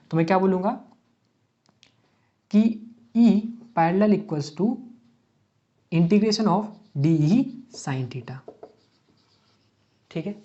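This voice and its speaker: This exam-prep physics lecture comes from a man whose voice sits high with a warm tone. Working steps on a board, he asks himself questions and answers them one step at a time, dropping in English math terms, all captured in dull lo-fi sound.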